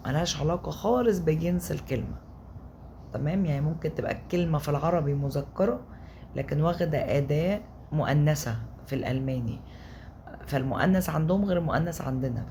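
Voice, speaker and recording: A woman with an Egyptian Arabic accent teaching a German lesson, patiently repeating words slowly to drill pronunciation. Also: low-pitched, background noise. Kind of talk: explanatory language lesson.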